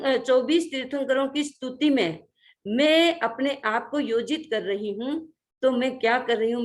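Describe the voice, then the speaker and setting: A woman teaching a religious workshop, drawing out each syllable as she shows how to pronounce a recited text. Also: fairly high pitch. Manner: recites syllables slowly, stressing each sound. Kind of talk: pronunciation lesson with slow recitation. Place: online video workshop.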